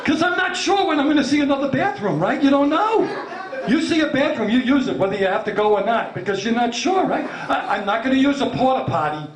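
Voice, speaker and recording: Here's a New York-accented comic from Long Island, in his late fifties, delivering stand-up to a laughing club crowd in a very high, expressive voice at a brisk clip. Brash and self-deprecating, he curses openly and performs the voices of people he quotes. There's some chatter behind him, heavy background noise, and an echoey room sound.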